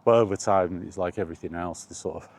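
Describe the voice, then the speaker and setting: In a low-pitched, darkish voice, a British man talks quickly through a casual, rambling chat about gaming. His manner is wry and colloquial, much like a solo vlogger musing aloud.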